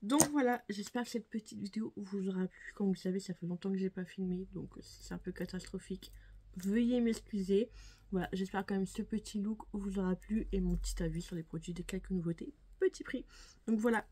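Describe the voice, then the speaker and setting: Young woman, beauty vlogger, casual chat, mellow tone, hesitant, filler-heavy. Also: mid-range voice, fairly even intonation, brisk, husky. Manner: chatty, hesitant, many fillers and restarts. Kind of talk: casual makeup review to camera.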